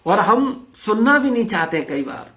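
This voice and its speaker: A man's voice: high-pitched, big pitch swings, unhurried, bright, forceful tone. A man leading an interactive spiritual discourse, blunt and rhetorical, questioning his listeners. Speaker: spiritual teacher leading a class.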